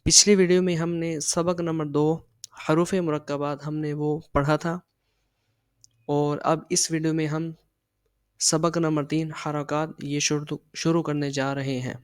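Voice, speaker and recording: A man teaching a Quran reading lesson, patiently explaining and slowly drilling syllables aloud. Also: fairly high pitch, little pitch movement, clean tone, dry recording.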